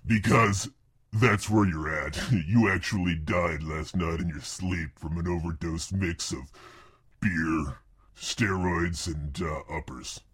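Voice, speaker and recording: Sly devil, very low and husky, laughing at his victim; a man voices him. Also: slow, fairly bright tone, full character voice. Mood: mocking. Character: sly mocking male devil, deep and gleeful. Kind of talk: comedy radio sketch.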